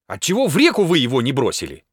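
A man's voice: mid-range voice, wildly swooping pitch, fast, husky, no echo, studio quality. A man voicing a pale male investigator who questions reproachfully. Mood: indignant.

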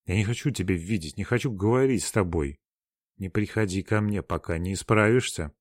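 A man voicing a proud, fiery old grandee obsessed with his family lineage, who shouts and trembles with rage. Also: deep voice, steady tone, unhurried, dry recording, clean studio sound. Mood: furious. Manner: shouting, furious, trembling declamation.

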